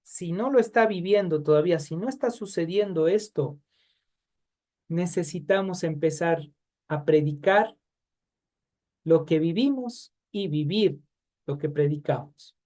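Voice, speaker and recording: A man's voice: on the high side, unhurried, pauses often, dark tone. A man teaching a Bible study class in a conversational way, asking his students questions and addressing them by name.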